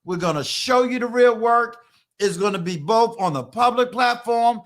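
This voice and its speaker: Preachy fifty-something man, high bright voice. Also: moderate pace. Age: 50s. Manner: preachy, repetitive, emphatic. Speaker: channel host. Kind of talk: live-stream motivational talk.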